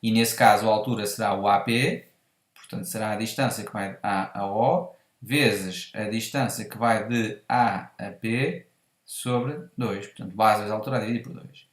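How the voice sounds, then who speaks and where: A man's voice: fairly low pitch, normal speed, roomy sound. A man with a European Portuguese accent explaining a math exercise step by step, methodically, and correcting himself as he goes. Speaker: math teacher. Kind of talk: whiteboard math lesson.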